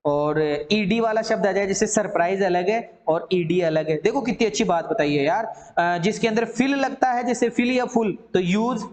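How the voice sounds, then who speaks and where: A man's voice: sits high, moderate pace, darkish tone, roomy sound. A man teaching an English grammar lesson, drilling word forms in lists and asking and answering his own questions.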